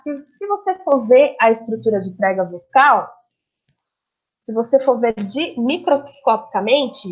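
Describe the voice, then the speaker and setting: A woman's voice: a little high, a little mellow, highs cut off. A woman, a speech therapist explaining how the voice works and demonstrating sounds as she goes. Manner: demonstrates sounds, checks understanding with listeners. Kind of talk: explanatory lesson.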